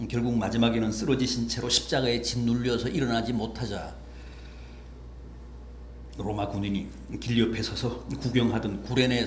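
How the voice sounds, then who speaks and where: A male pastor preaching a sermon dramatically, swinging from hushed words to loud outbursts. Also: mid-range voice, a little hiss or hum. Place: church sanctuary. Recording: echoey church with faint ambience.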